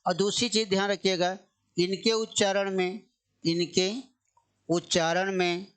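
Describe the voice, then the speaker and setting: Male coaching teacher, high clear voice, drills points with self-answered questions and slow repetition. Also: level tone, a bit bright. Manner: asks the class questions and answers them himself; repeats key phrases, drawing words out slowly. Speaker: Hindi teacher. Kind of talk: exam-coaching grammar lesson.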